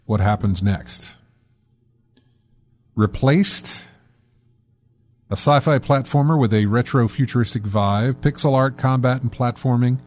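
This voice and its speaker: A man's voice: medium pitch, a little slow, pauses often, a little mellow. A man hosting a casual gaming podcast, rambling and correcting himself with lots of fillers. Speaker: podcast host.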